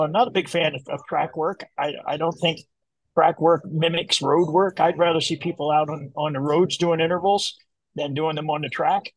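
A man's voice: on the high side, dry recording, poor audio. An older man, a running coach, talking casually in an interview, rambling and repeating the starts of his phrases.

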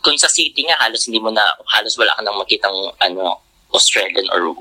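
A man's voice: on the low side, expressive, bright, forceful tone, low-quality recording. A man, a nurse guest on a podcast, chatting casually with frequent fillers and laughs. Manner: laughs often, halting with many fillers.

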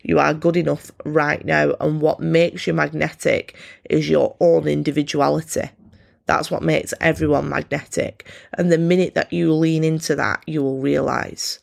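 A woman hosting a solo self-help podcast, talking candidly and encouragingly in a croaky, froggy voice with a congested nose. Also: deep voice, flat delivery, normal speed. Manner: candid, informal, encouraging, swears freely. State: congested, snotty nose from a cold. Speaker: podcast host.

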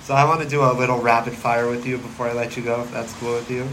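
A man hosting an interview, asking relaxed questions and joking lightly. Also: medium pitch, fast talker, low-quality recording. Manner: relaxed, easygoing, jokes lightly. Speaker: interviewer host. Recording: heavy background hiss.

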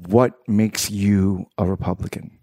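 Laid-back low-voiced male interviewer. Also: steady tone, unhurried, dark tone, no echo, clean studio sound. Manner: curious, teasing questioner who laughs often. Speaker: podcast host. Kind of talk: casual interview chat.

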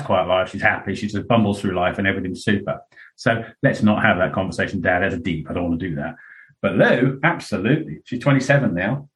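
Low-voiced man talking frankly. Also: rough recording. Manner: rambling, frank, with many "um"s and quoted asides. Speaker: interview guest. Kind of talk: candid podcast conversation.

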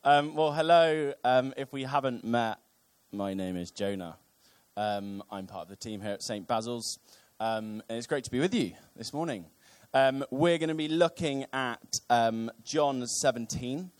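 A man's voice: medium pitch, a little slow, few pauses, smooth. A young man preaching a casual sermon to his church, with many ums and wry asides.

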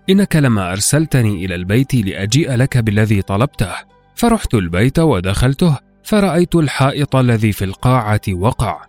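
Low-pitched male storyteller over music. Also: darkish tone. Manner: formal classical Arabic recitation, acting out dialogue. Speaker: podcast host and storyteller. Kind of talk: scripted literary storytelling narration.

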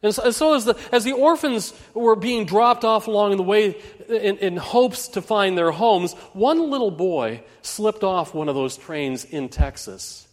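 A man's voice: sits high, lively intonation, a little slow, hardly any pauses, long reverb tail. A man preaching a Christmas sermon in a church, telling a story earnestly with frequent restarts.

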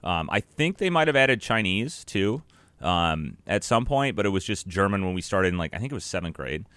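A man's voice: deep voice, sing-song, normal speed, fairly bright tone, clear, resonant tone, no room sound. An American man co-hosting a podcast with casual banter. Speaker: podcast co-host.

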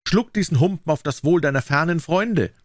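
A man's voice: lively intonation, a little fast, no room sound, studio quality, natural voice. A man putting on a bellowing tyrant king. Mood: mocking. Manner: loud, booming, mocking. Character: cruel fat jesting male king, bellowing tyrant.

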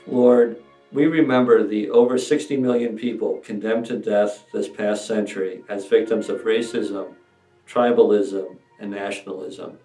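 A man's voice: on the low side, steady tone, unhurried. Solemn man reading scripture in an echoey room. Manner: solemn, reflective, raises voice for quoted shouts. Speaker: scripture reader leading prayers. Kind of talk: Good Friday scripture reading and prayer. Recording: echoey room, voice from a distance, soft music behind.

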